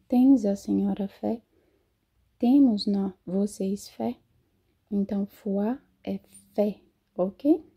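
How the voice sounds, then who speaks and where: A Portuguese-speaking woman teaching French pronunciation, saying each word slowly and then translating it. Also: medium pitch, creaky, husky. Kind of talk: slow phonetics lesson. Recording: dull lo-fi sound.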